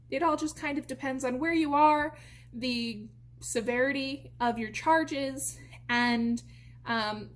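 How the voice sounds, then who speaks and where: A young American woman talks through her subject in a lively, explanatory way, often pausing on "uh" and "um" as she goes. Her voice sits a little high for a woman. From United States. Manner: lively explanatory delivery with frequent fillers. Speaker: theatre company educator. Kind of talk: informal educational talk.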